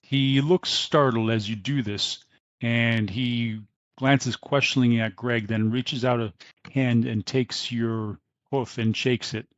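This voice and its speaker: A man's voice: medium pitch, fairly even intonation, slow pace, dry recording, muffled recording. Hesitant male game master narrating. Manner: hesitant with many fillers.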